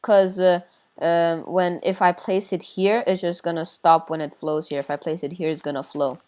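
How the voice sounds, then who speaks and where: A woman's voice: lowish voice, fairly even intonation, normal speed, a little mellow. A woman casually explaining a game build, hesitant with many fillers and playful sound effects. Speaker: tutorial builder. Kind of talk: casual game tutorial chat.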